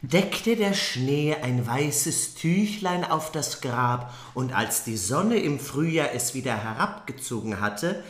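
Slow, animated, bright-voiced podcast host. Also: medium pitch, reverberant. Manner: playful, gossipy interjections. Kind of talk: comic fairy-tale reading and chat.

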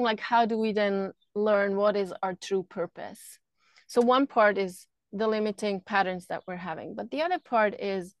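A middle-aged woman from Switzerland speaks as a podcast guest in an earnest, flowing way, circling back and repeating words as her thoughts form. Her voice sits at an ordinary middle pitch. The recording is dry and close, with no room sound. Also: no echo. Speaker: podcast guest, energy healer. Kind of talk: casual interview talk. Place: camper van.

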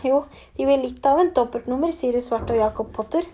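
A woman's voice: high-pitched, warm tone, natural voice. Audiobook: a woman doing an eager, curious innkeeper woman.

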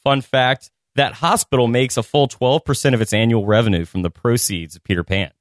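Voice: mid-range voice, fairly even intonation, a little fast, no echo, clean studio sound. A trivia podcast host talking casually and reading out quiz questions in an upbeat, joking way.

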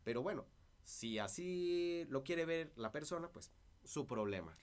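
This interview guest is a party politician whose dry voice runs on the high side, animated yet measured in pace. Chatting casually, he recounts past disputes.

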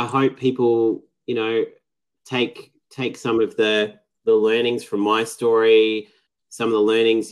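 A man appears as a guest on a podcast, talking casually and reflectively in interview style with many fillers and restarts. His voice is lowish, and the recording quality is low.

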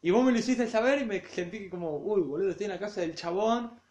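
A man's voice: sits high, quick pace, reverberant, crowd noise. A young Argentine man with a Rioplatense accent, chatting casually with a friend at home and swearing freely, recorded on a phone. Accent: Rioplatense Spanish. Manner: laid-back, swears a lot, self-deprecating. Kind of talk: casual chat between friends. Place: friend's house, indoors.

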